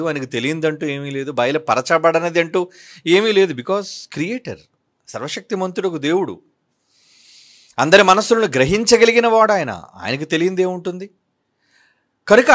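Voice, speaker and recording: Man, preacher, sermon, higher voice, very animated pitch, questioning, emphatic. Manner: questioning, emphatic, drawn-out readings. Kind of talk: sermon with bible reading.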